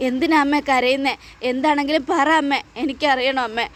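A woman's voice: sits high, steady tone, fairly quick, close to an everyday voice. A woman voicing a distraught young pregnant woman who insistently pleads with her mother for the truth. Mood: pleading, distraught.

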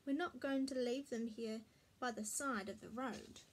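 A calm, kindly dad from a family picture book, as a woman reader speaks for him, gently firm when needed. His lines come in a high, unhurried voice. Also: a little hiss or hum.

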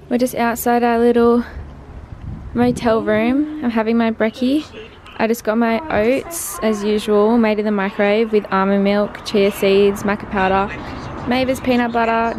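An Australian woman in her twenties, a sprinter, chats informally and slangily into her handheld vlog camera at arm's length. Her voice is a little high with a darkish tone. She's in a small motel room, sometimes just outside, and the camera audio has background noise.

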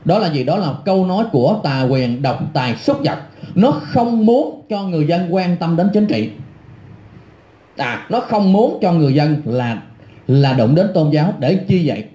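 A man's voice: fairly high pitch, warm tone, roomy sound. A middle-aged man delivering an angry, scornful rant full of insults and repetition. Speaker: online commentator. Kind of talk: angry ranting monologue.

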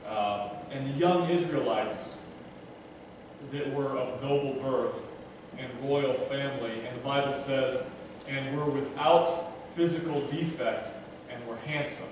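In an echoey church filmed by a distant camera, the pulpit microphone picks up a preacher in his thirties, plus some background noise. His voice is mid-range and unhurried. His sermon is casual and self-deprecating, with plenty of fillers, restarts and occasional stumbles.

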